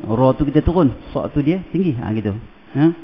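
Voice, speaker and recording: A man's voice: on the high side, lively intonation, brisk. A man with a Malaysian Malay accent teaching Quran pronunciation in a mosque lesson, sounding out letters and syllables again and again and chanting short verses, with many "ha" and "nah" fillers. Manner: fills speech with "ha", "nah", "gitu". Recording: tinny, phone-like lo-fi sound.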